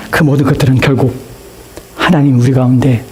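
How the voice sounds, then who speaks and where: A man's voice: medium pitch, flat delivery, brisk, crowd noise, poor audio. A man preaching a Sunday sermon as pastor in a church, impassioned and rising to emphatic peaks. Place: church sanctuary.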